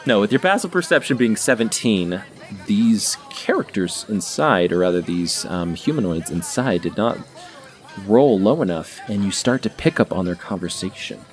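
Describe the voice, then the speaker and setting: A man's voice: fairly low pitch, lively intonation, normal speed, faint music behind. A man improvising narration as game master of a tabletop role-playing game.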